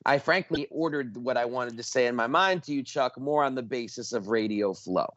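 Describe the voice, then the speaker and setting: A man hosting a radio talk show, speaking with energy and emphasis as he makes a pledge appeal and spells out details slowly. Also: mid-range voice, fairly bright tone, no echo, lo-fi sound.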